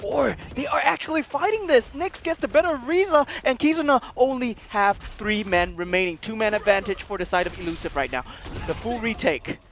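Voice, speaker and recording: A man doing excited color commentary on an esports match, reacting loudly to big plays. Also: sits high, a little fast, gravelly. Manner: animated, exclamatory reactions. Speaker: esports co-caster.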